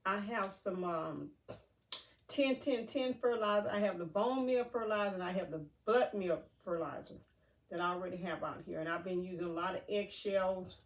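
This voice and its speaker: A vlogger with a stuffy nose chats casually through an unboxing outdoors near a garden, rambling and using lots of fillers. Her voice is medium-pitched and moves at a normal speed. The mic is far from her, so the recording is noisy and off-mic.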